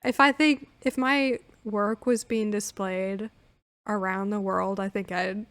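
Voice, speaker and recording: A woman's voice: mid-range voice, steady tone, slow pace, no echo. A young woman co-hosting a podcast, chatting casually with dry, teasing humor and laughter. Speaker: podcast co-host. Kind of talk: casual chat.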